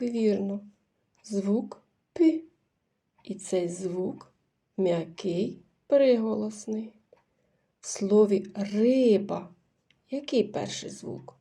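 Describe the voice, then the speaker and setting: A woman's voice: medium pitch, gravelly, warm tone, husky. A woman teaching young children a phonics lesson, patiently asking questions, answering them herself and praising the class. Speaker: kindergarten teacher.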